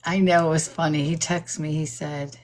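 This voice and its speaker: Older woman, live-stream host, casual chatty talk, frequent laughs, low pitch. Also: little pitch movement, moderate pace, a little mellow. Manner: chatty, laughs often, greets viewers by name; admits nervousness about reading aloud.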